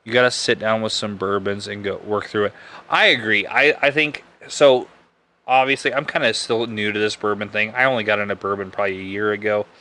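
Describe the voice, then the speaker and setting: Laid-back man with a bright, clear voice. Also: lowish voice, steady tone, brisk. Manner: rambling, laid-back, self-correcting. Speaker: podcast host reviewing bourbon. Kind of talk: casual live-stream chat.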